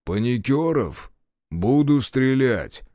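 A stern commander speaks slowly and firmly, each word weighty and loud, as a male reader gives him voice. The recording is dry and close. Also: mid-range voice, lively intonation, dry recording. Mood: threatening. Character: stern forceful commander of rangers, grown man. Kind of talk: audiobook character voice.

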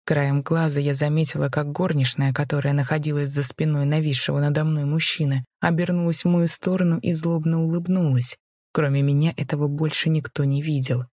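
A woman reading a first-person fantasy novel aloud in steady, measured narration. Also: sits low, dry recording, clean studio sound. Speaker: audiobook narrator.

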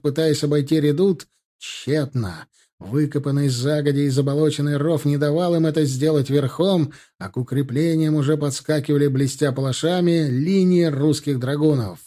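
Mellow male audiobook narrator. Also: medium pitch.

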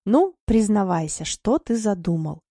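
A woman's voice: mid-range voice, big pitch swings, a little slow, dark tone, breathy edge, no room sound, studio quality, exaggerated voice. A woman reading an audiobook, voicing a sleepy wife who grumbles and complains in jest. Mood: grumbling. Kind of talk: audiobook narration.

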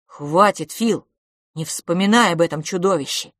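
A woman's voice: fairly low pitch, normal speed, no room sound, studio quality, lightly acted. A woman voicing Franciscus, a frightened and loyal boy who pleads urgently and tearfully. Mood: pleading.

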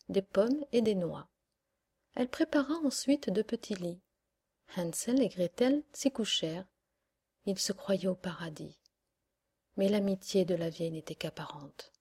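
A woman narrating a fairy tale audiobook in a soft, hushed storytelling manner. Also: medium pitch, measured pace, breathy edge. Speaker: audiobook reader.

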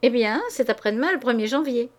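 A poised young wife speaks in a crisp, teasing tone, voiced by a woman narrator. Her voice lifts slightly above the narration. She sounds self-assured and quick. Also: fairly high pitch, natural voice.

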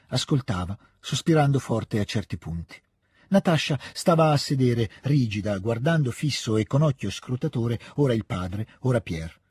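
Husky male audiobook narrator. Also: medium pitch, no room sound, clean studio sound. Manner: measured, expressive. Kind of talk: literary audiobook reading.

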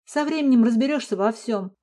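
A woman voicing a calm, soothing husband. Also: a little high, fairly quick, close to an everyday voice. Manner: gentle, persuasive tone. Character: calm adult male husband, soothing and patient.

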